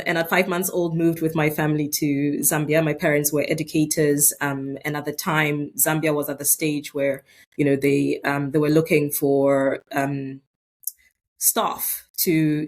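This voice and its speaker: A woman's voice: sits low, flat delivery, measured pace. A middle-aged woman from Ghana, a scientist answering interview questions thoughtfully. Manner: thoughtful, with frequent um fillers. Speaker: guest scientist. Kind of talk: interview conversation.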